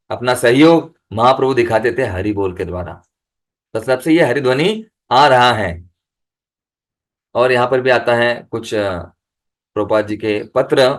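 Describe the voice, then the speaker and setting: Man giving a devotional talk. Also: mid-range voice. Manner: reads letters slowly and aloud, then explains them; chants the holy name in a rising, lifted voice. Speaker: devotional speaker. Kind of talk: devotional discourse over video call. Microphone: video call.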